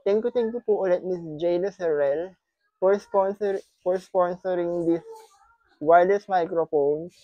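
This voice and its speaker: A man's voice: high-pitched, measured pace, dry recording, muffled recording. A man from the Philippines chatting casually in an unboxing vlog, repeating his thanks and teasing playfully. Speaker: vlogger. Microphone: wireless clip-on microphone.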